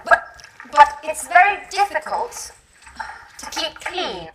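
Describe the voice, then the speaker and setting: Brief: a young flatmate, bright, lively, slow, off-mic in an echoey room. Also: female voice, very high voice, recorded from a distance, a little hiss or hum, heavily acted. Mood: friendly. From England. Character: young Englishwoman showing off her shared house. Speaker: flatmate in a lesson dialogue. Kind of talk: scripted language-lesson dialogue.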